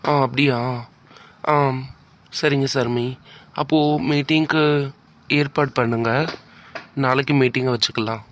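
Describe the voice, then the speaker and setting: A man's voice: medium pitch, steady tone, measured pace, pauses often, fairly bright tone, natural voice. A man voicing a stern father who brushes off his wife's worries curtly. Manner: curt, dismissive. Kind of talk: cartoon voice acting.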